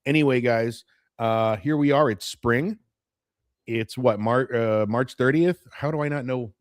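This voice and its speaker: A man of about forty-something speaks at a measured pace in a medium pitch, recorded dry with clean studio quality. Hosting a morning stream, he rambles casually to viewers, reminiscing about how times have changed and often wandering away from the subject.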